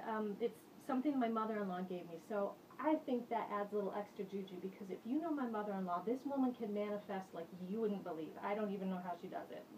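A woman's voice: medium pitch, a little mellow. A woman in her forties talks through a tea blend in her home kitchen, chatty and explanatory as she works. The camera sits a few feet off, so her voice sounds a touch distant. A faint room noise runs underneath. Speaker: host of a witchcraft kitchen show. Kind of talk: casual how-to vlog. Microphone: camera mic from a few feet away.

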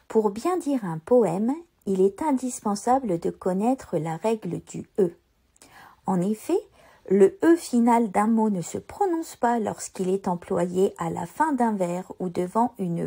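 A woman giving a scripted lesson on reading poetry aloud, explaining in a slow, careful, clearly articulated way. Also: medium pitch, mellow. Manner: slows further to recite verses for repetition. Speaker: teacher.

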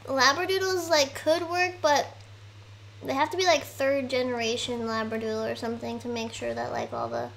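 A woman's voice: on the high side, expressive, normal speed, creaky, a bit bright, a little hiss or hum, poor audio. A young woman chatting casually on a livestream, rambling and eating as she talks.

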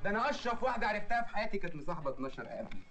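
An actor playing a spoiled, wisecracking young man in a comedy film, speaking quickly and with exasperation in an Egyptian accent. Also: high-pitched, very animated, a bit bright. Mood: exasperated. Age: young adult. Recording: film soundtrack with faint music.

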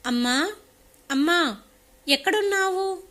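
A bright, high-voiced young wife, as a woman narrator puts her on, indignant and pressing in an audiobook story. She confronts her family with sharp, raised questions. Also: expressive, slow, heavily acted. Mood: alarmed. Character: angry young married woman, daughter defending her mother.

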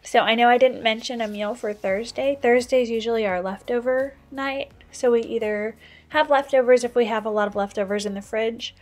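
This woman's voice is on the high side with a darkish tone, moving at normal speed. She's a stay-at-home mom in her thirties doing a relaxed cooking voice-over, chatting practically and passing along kitchen tips along the way.

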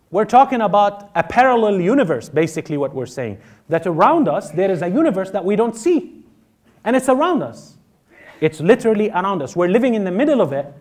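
A religious lecturer speaking to a seminar crowd in a high, bright-sounding man's voice. He swings his pitch up and down with great animation, playing out the doubters he argues with. His delivery is expressive and conversational. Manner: animated, mimics doubters in exaggerated tones. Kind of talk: live seminar talk. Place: seminar hall with audience.

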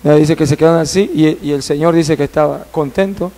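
A male missionary preacher delivers a sermon as a vivid story. His voice sits high for a man. He jumps in and out of the characters as he tells it. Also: a little fast, soft background music. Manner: animated, reenacting dialogue.

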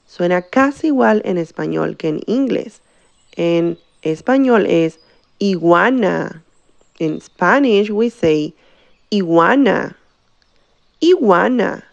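A woman's voice: medium pitch, expressive, gravelly, highs cut off. A woman teacher giving a bilingual vocabulary lesson for children, drawing out each word for the class to repeat. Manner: slow, drawn-out words for repetition.

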